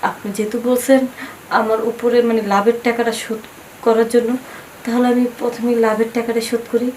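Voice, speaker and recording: A woman's voice: a little high, flat delivery, brisk, darkish tone, natural voice. An actress playing a worried village wife in debt, pleading politely with her lender. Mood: anxious. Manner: pleading, polite, addresses him as brother. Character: indebted village wife, anxious then defiant. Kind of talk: TV drama acting. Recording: distant mic with faint noise.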